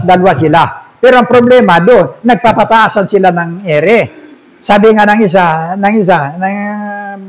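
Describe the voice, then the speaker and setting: A man's voice: high-pitched, rough recording. A man, an older pastor, preaching a sermon and telling a story, often asking his congregation "see?".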